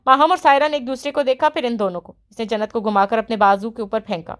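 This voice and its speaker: Lady reading a novel out loud for an audiobook, expressive, a bit high-pitched. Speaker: audiobook narrator. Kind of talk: scripted novel narration.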